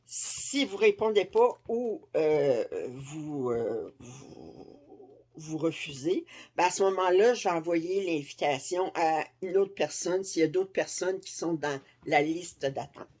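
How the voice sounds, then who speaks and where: A woman's voice: low voice, animated, slow, darkish tone. A woman with a Québécois French accent, chatting casually to camera as a craft vlogger and checking in with "ok?" often. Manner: chatty, many fillers and "ok?" check-ins. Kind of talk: casual direct-to-camera chat. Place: her living room. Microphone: camera framing upper body.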